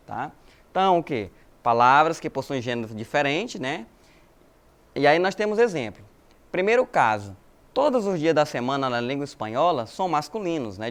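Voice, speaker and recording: Higher-voiced Brazilian man teaching. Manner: explanatory, addresses students as galerinha, frequent né tags. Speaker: Spanish teacher. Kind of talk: recorded video lesson.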